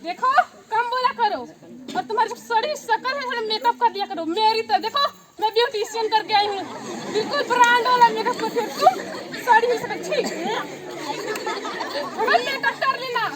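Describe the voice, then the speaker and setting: A vain mother-in-law, played by a girl, who orders people about and sneers. The voice is very high. The sound comes from an outdoor school stage with a loud crowd behind it. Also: moderate pace, very noisy. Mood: bossy. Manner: bossy and scornful.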